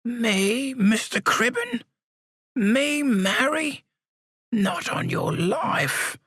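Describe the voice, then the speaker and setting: A man's voice: very high voice, expressive, drawn-out words, a bit bright, husky, dry recording, clean studio sound, pitched above the performer's own voice, exaggerated voice. A man voicing a whimsical, self-justifying old ex-convict in an audiobook story. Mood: whimsical, boastful. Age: older. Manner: whimsical, protesting.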